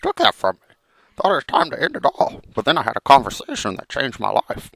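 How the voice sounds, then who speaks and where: A man voicing a melodramatic, vengeful frog hero in theatrical comic storytelling, with a gravelly cartoon-like voice. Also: medium pitch, huge pitch swings, a little fast, fairly bright tone, dry recording, heavily acted. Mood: mournful storytelling. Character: melodramatic, vengeful male frog hero telling his journey.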